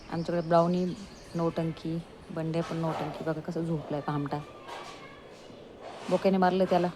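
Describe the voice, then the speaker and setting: A woman's voice: low-pitched, mellow, slight background noise. Middle-aged woman coaxing her cat. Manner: coaxing, scolding her cat in sing-song baby talk. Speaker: pet vlogger. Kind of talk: casual pet vlog chat. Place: home, indoors.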